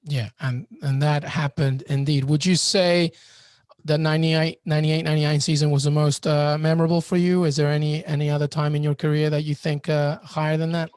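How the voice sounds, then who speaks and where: A man hosting an interview podcast, talking conversationally and effusively, with halting, repeated starts. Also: fairly high pitch, flat delivery, a little mellow, smooth, no echo. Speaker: podcast host.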